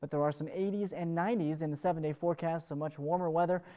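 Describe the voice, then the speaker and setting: A television morning show meteorologist with an American accent gives a weather forecast fast, in a fairly high, dark-toned voice with fairly even intonation. His broadcast manner is chatty and upbeat.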